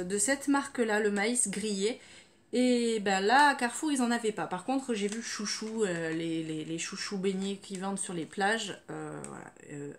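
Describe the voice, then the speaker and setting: A French woman with a mid-range voice chats casually through her grocery haul video, with slight background noise. Her talk is full of fillers and trails off with "voilà".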